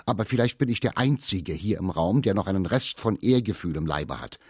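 A man voicing an angry young male actor with a rough, hushed voice in a radio reading. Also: low-pitched, expressive, brisk, dry recording, clean studio sound, full character voice. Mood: furious.

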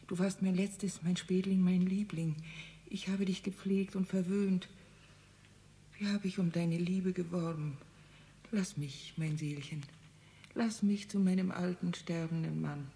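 An actress playing an aging mother who desperately pleads, mostly in hushed whispers, to be let in to her dying husband in a radio play. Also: fairly low pitch, fairly even intonation, measured pace. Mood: tender pleading. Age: older.

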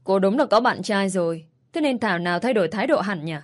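A woman's voice: mid-range voice, animated, quick pace, lightly acted. A woman reading a scornful, curt ex-husband. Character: cold contemptuous middle-aged ex-husband.

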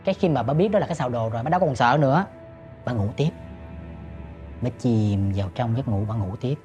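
A man telling a ghost story, dropping to hushed murmurs and jumping to sudden shouts, talking straight to his listeners. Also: medium pitch, a little fast, muffled recording, faint music behind. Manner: addresses listeners directly.

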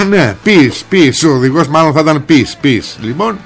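A man's voice: a little high, sing-song, a bit bright, soft background music. A man hosting a radio show, retelling a news story in a colloquial, rambling way with joking asides to his listeners.

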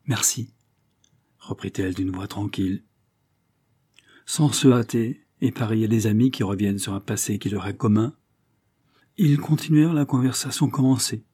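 A man reading a classic French novel aloud as an audiobook, in measured scripted narration. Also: mid-range voice, warm tone, husky. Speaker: audiobook reader.

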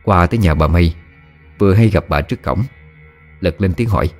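A man calmly narrating a scripted ghost story. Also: low-pitched, fairly quick, soft background music.

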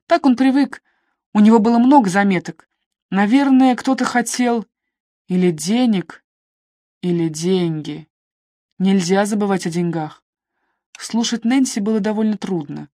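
A woman narrating a detective audiobook in a steady, even storytelling voice. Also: medium pitch, measured pace, dry recording, clean studio sound.

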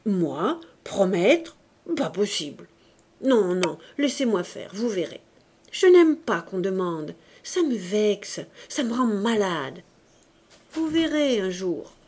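A sly rich old uncle who blusters and wheedles, all false sentiment, as a woman narrator reads him. The voice is mellow, raised in pitch and loud in his protests. He sounds crafty rather than frightening. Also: big pitch swings, takes it slowly, breathy edge, exaggerated voice. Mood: blustering.

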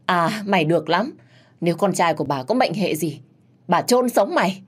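A woman voicing a distraught older mother who wails, pleads and scolds in a high, loud voice. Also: expressive, fast, breathy edge. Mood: furious. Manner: frantic, scolding, sobbing pleas.

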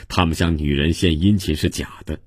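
A man's voice: a bass voice, steady tone, normal speed, breathy edge, no echo, studio quality. A man reading the lines of a hot-tempered, blunt young German composer in an audiobook, in angry outbursts. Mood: indignant.

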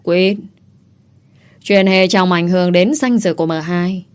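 A woman voicing a gentle older matriarch who speaks mildly but firmly. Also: on the low side, unhurried, clean tone, natural voice. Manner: mild, soothing. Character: gentle older lady of the house.

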